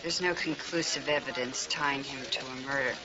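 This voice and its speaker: A woman's voice: very deep voice, normal speed. An actress playing a determined female lawyer in a television drama, speaking in an articulate, formal, insistent way. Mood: earnest, insistent. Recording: dull TV soundtrack, faint noise.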